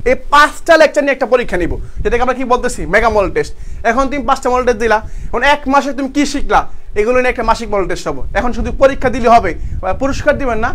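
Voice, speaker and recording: Young man, tutor, very high voice, quick delivery, asks and answers his own questions. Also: lively intonation, a bit bright. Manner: asks questions and answers them himself, repeats key words; calls students brother, speaks colloquially. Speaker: online tutor. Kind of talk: online exam-prep lecture.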